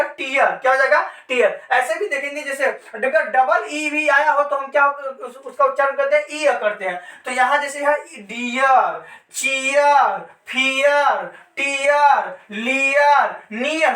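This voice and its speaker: A woman's voice: high voice, pushed and bright. A woman teaching English pronunciation in a patient classroom manner, repeating points and asking herself questions before answering. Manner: patient, repetitive, asks and answers own questions. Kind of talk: classroom-style lesson. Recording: echoey room from far off.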